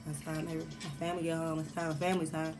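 Laid-back low-voiced woman guest. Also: flat delivery, quick pace, over music. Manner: laid-back, hums while eating, soft laughs. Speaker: guest, host's best friend. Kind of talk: casual mukbang chat.

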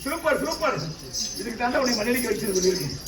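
High-voiced man shouting commands, echoey. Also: lively intonation, rapid-fire. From Tamil Nadu. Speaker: temple priest performing an exorcism. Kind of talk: ritual exorcism, scolding the spirit. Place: temple, outdoors or open hall. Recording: echoey, distant mic, noisy.

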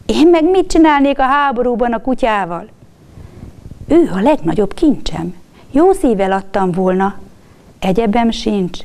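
A woman voicing a poor, humble old blind beggar man who speaks softly and pleads in a trembling voice. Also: a little high, animated.

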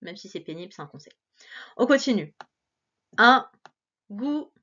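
A woman teacher giving a recorded reading lesson to a child, encouraging and playful, stretching out words slowly. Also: mid-range voice, lively intonation, sharp tone, lo-fi sound. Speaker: primary school teacher.

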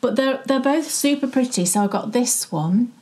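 Middle-aged English woman co-host, chatty and musing, slightly high voice, casual knitting-show chat. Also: lively intonation, normal speed, darkish tone. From South Yorkshire, England. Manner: chatty, musing aloud with restarts. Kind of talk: casual chat about yarn. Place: living room with yarn shelves, indoors.

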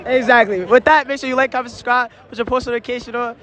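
A man's voice: very high voice, steady tone, quick pace. A man hosting a casual street interview outdoors, with playful, hyped banter. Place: outdoors on a busy city street. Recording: street crowd and loud music behind.

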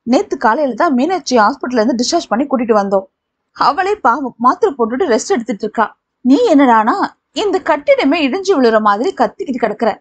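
Woman doing a dramatic old grandmother, audiobook, shrill, quick, quarrelsome. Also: expressive, breathy edge. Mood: quarreling.

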